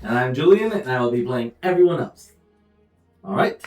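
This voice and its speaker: A young man running a tabletop game, casually recapping and setting the scene in a loose, rambling way with frequent pauses and self-corrections. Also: medium pitch, animated, a little mellow. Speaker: game master. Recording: roomy echo, distant mic, faint music behind.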